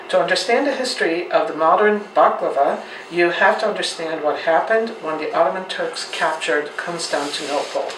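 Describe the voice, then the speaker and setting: Woman home cook, patient demo voice, distant mic in an echoey room. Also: lowish voice. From Turkey. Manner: patient, explanatory, homely. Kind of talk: cooking demonstration. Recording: roomy, distant mic, faint noise.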